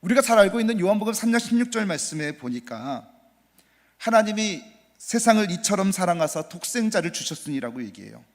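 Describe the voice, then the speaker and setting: A man preaching a Sunday sermon as pastor, building to loud emphatic repetitions and dropping to soft, near-whispered asides, with rhetorical questions to the congregation. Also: sits high, very animated, a little fast. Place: church sanctuary. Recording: long church reverb.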